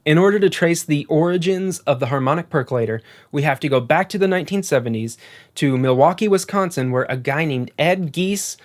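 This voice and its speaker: A man's voice: on the high side, brisk. A man giving scripted, informative narration for a video. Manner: informative, explanatory.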